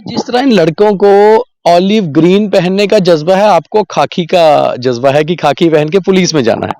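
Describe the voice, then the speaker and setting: A man's voice: high-pitched, normal speed, warm tone, dry recording. A male field reporter on an outdoor ground, asking trainees probing, conversational questions. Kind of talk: street interview.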